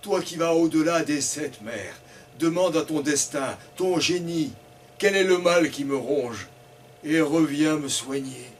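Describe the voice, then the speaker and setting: A man voicing an ailing old tree that pleads slowly and mournfully in a told story. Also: a little high, far from the mic, a little hiss or hum, close to an everyday voice.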